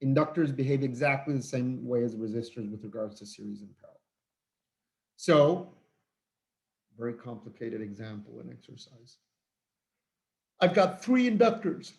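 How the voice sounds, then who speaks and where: A man's voice: mid-range voice, vocal fry, darkish tone. A weary male physics teacher records an online lecture. He speaks informally, stopping and restarting his sentences often and filling the gaps with "uh" and "um". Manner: halting, many fillers and restarts, informal. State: tired, yawning.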